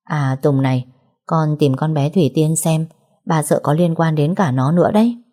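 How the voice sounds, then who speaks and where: A woman's voice: sits low, normal speed, warm tone. A woman voicing a stern older father in a story who barks and scolds. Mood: calm. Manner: barking, scolding. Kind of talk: audiobook character reading.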